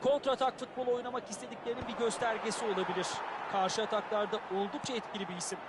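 A man plays an opinionated football co-commentator in a game. He analyses play in a high, quick voice, with loud noise behind him. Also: steady tone, close to an everyday voice. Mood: analytical.

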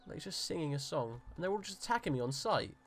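A young man giving jokey, excitable let's play commentary, pleading with and yelling at the game. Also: a little high, quick pace, faint music behind. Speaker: gamer.

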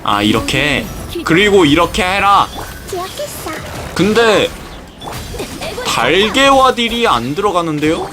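Lively high-voiced young man chatting. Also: slow, pauses often, over music. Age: young adult. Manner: rambling self-talk with sudden excited outbursts. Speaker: YouTuber playing a gacha game. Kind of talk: casual game-stream chat.

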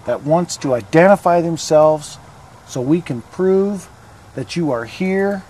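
A man's voice: a little high, slow, mellow. A middle-aged man talking to a ghost, calling out questions to spirits as a paranormal investigator. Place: outdoors at night by a graveyard fence. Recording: noisy outdoor camcorder audio, traffic ambience.

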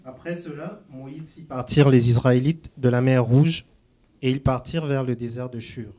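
Man, mid-pitched, soft steady scripture reader for a church group. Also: moderate pace. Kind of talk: reading scripture aloud.

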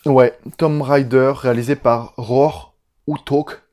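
A man's voice: mid-range voice, steady tone, takes it slowly, dark tone. A man with a southern French accent talking casually and sarcastically about upcoming films, often getting sidetracked. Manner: chatty, sarcastic, easily sidetracked. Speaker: film YouTuber. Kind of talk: casual video chat.

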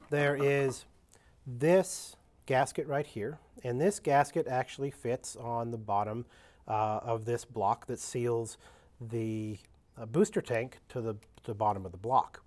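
Man, workshop demonstration, halting, lots of fillers, mid-pitched voice. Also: darkish tone. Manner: plain, halting, many "uh" fillers and restarts. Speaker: equipment demonstrator. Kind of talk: unscripted how-to demonstration. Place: indoor workshop with benches.

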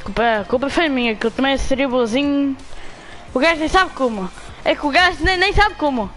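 A young woman with a European Portuguese accent gives live commentary on her own game, taunting other players and swearing in excitable outbursts. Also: sits high, fairly quick, soft background music, rough recording. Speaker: gamer streaming own play.

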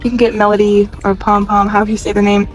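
A California woman in her twenties vlogs while shopping, chatting fast and excitedly to the phone in her hand. Her mid-range voice gushes casually over the soft music playing in the stores.

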